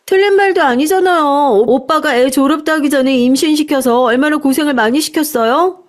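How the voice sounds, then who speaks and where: A woman doing a sharp-tongued sneering young woman. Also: on the high side, natural voice. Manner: sneering, cutting.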